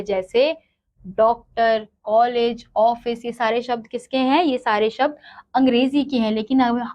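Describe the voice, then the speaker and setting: Woman teacher going slow thru a grammar lesson, kinda muffled recording. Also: fairly high pitch. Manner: slow, asks and answers her own questions.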